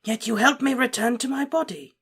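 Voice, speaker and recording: A woman voicing a cold, cruel male dark wizard lord, speaking softly, slowly and with deliberate menace. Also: a little high, breathy edge, voice pushed up, exaggerated voice. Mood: menacing. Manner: soft, menacing, slow and deliberate.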